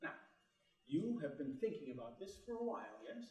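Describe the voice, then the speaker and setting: Man acting animated bookish father, echoey room. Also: fairly high pitch, brisk, far from the mic. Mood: measured, probing. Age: middle-aged. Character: wry, bookish father, loving but volatile. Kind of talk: audio drama acting.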